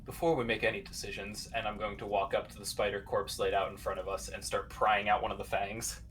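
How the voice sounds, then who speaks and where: A man chats as a player in a tabletop game. He works through his thoughts out loud in a rambling way. His voice is slightly low, with faint noise in the recording. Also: flat delivery, a little fast, poor audio. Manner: rambling, talks through ideas with restarts. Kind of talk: casual tabletop play.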